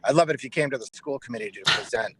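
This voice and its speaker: A man's voice: medium pitch, racing, sharp tone, husky. A man speaking in a public meeting over a video call with a choppy connection, earnest and repeating words as he makes his point. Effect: video call audio with a connection breaking up. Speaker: town meeting participant.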